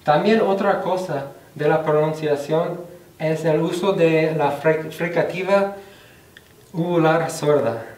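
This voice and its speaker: A young man presents to his class, speaking slowly and carefully with frequent pauses. His voice sits a little high. The recording is roomy and echoey, with the mic some distance from him. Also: darkish tone. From United States. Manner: slow, careful learner's delivery with pauses. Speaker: student presenter. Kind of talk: class presentation on Spanish slang.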